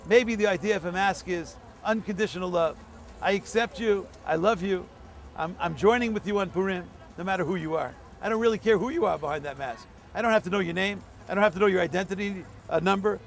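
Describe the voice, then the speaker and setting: A man's voice: high-pitched, vocal fry. A man, a rabbi, giving a holiday video message outdoors in a city, teaching through stories and Hebrew quotations.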